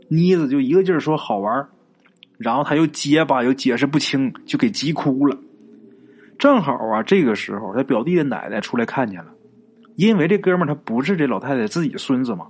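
A man narrates a ghost story as if chatting, with frequent filler particles and little asides. His voice sits at an ordinary middle pitch. The telling is loose and conversational rather than read from a script. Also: breathy edge.

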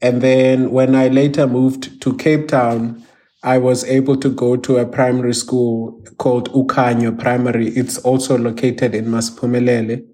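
A man's voice: mid-range voice, dark tone. A man in his thirties from South Africa, an artist answering interview questions in a reflective way, with restarts. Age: 30s.

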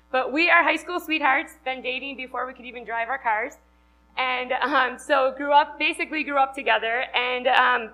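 A woman in her thirties from Wisconsin, USA, speaks with a Wisconsin accent in a high, pushed, bright voice. As a conference speaker, she gives a chatty, upbeat talk to a live audience and laughs often. The audio quality is poor.

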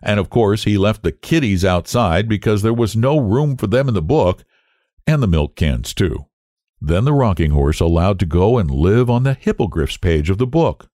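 A man reading a children's storybook aloud in an expressive, lilting way, close to the mic. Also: fairly low pitch, normal speed, no room sound. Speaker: children's story podcast narrator.

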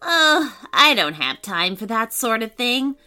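A woman's voice: on the high side, big pitch swings, measured pace, sharp tone, full character voice. A woman voicing a prim, fussy little bat who speaks politely but dismissively.

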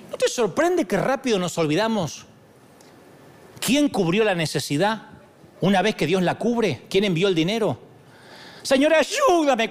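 A middle-aged man with a Rioplatense Spanish accent, preaching a sermon as pastor in a lively, joking way. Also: high voice. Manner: animated, joking preacher acting out dialogues.

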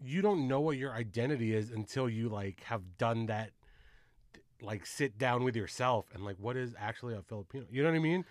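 A man's voice: mid-range voice, animated, fairly quick, dry recording, clean studio sound. A man hosting a casual podcast, laid-back and slangy, swearing and asking "you know what I mean" a lot. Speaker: podcast host.

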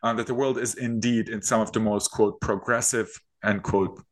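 A man's voice: lowish voice, steady tone, moderate pace. A man, an author and queer studies scholar, speaking in an interview with thoughtful, hedging academic phrasing.

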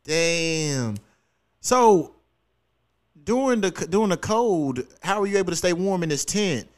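A man's voice: sits high, expressive, measured pace. A man hosting a podcast, chatting casually and comedically in slangy, profane, teasing talk. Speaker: podcast host.

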